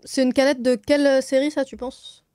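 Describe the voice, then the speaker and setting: A woman's voice: high-pitched, flat delivery, brisk, warm tone, clean tone, dry recording, clean studio sound. A young woman bantering casually as co-host of a livestream.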